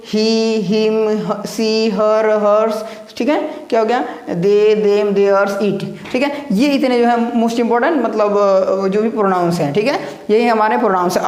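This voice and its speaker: Echoey male grammar teacher, repetitive. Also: very high voice. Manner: repetitive, asks rhetorical questions and answers them himself. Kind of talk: classroom lesson explaining grammar. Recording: echoey room.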